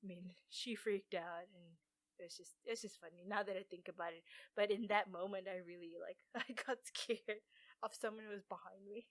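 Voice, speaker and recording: A woman's voice: medium pitch, fairly even intonation, normal speed, dry recording. A young woman from Fiji, co-hosting a podcast, telling a story in a rambling way with many fillers and restarts. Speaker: podcast co-host. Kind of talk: casual storytelling chat.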